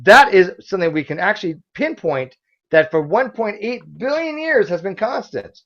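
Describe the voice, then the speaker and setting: A debate host with a hoarse, somewhat high, sing-song voice runs a heated online debate. He fires back forceful, quick rebuttals, stumbling over restarts as he corrects his opponent. The audio is dull and lo-fi.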